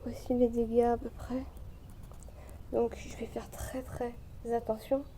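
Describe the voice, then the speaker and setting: A young woman vlogging an urban exploration of an abandoned château, talking in a hushed, tense, hesitant way and often dropping into a whisper. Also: on the high side, level tone, unhurried, slight background noise, rough recording. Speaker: urbex vlogger. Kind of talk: narrating while exploring.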